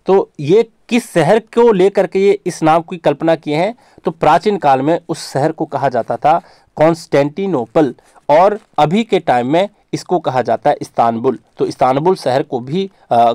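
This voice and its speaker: A man's voice: fairly high pitch, dark tone, no room sound, clean studio sound. A man giving an exam-focused English literature lecture, explaining step by step in a patient, repetitive way. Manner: explains in a patient, repetitive way, drifting between Hindi and English terms.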